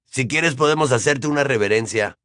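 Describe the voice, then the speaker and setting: A man's voice: medium pitch, normal speed, fairly bright tone, no echo, studio quality, close to an everyday voice. A man voicing a jeering, prankish teenage twin boy with a mocking manner.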